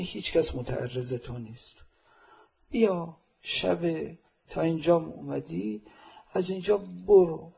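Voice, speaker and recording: A man preaching an emotional religious sermon at a mourning ceremony, telling a story and swelling from quiet narration into loud, impassioned calls. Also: fairly high pitch, vocal fry, husky. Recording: dull lo-fi recording.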